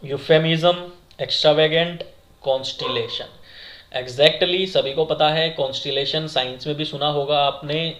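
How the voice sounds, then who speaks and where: There is slight background noise as this exam-prep English teacher, his voice a little high and a bit bright, explains exam vocabulary. He asks his viewers questions, repeats the answers back, and treats them as friends.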